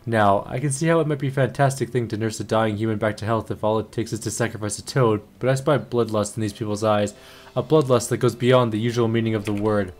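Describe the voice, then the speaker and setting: A man's voice: fairly low pitch, steady tone, quick pace, darkish tone, close to an everyday voice. A man doing a sly old cat-wizard. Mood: wry.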